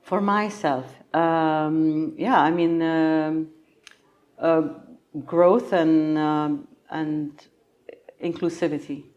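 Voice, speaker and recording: A middle-aged woman from Egypt, a patient advocate answering conference interview questions thoughtfully, pausing often with fillers. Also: low voice, steady tone, a little mellow, dull audio. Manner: thoughtful, many pauses and fillers.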